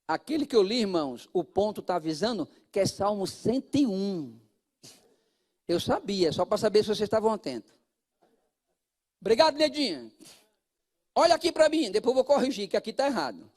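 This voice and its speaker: A Brazilian Portuguese-accented man preaching a sermon as pastor, talking straight to his congregation and swinging between loud calls and hushed asides. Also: high-pitched, sing-song, moderate pace, pauses often.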